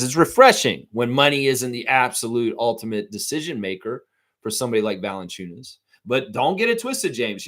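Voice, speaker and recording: A man's voice: mid-range voice, a bit bright. A man hosting a live sports talk stream, ranting heatedly and swearing a lot while speaking straight to his viewers. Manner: profane, heated, repetitive ranting; addresses viewers directly.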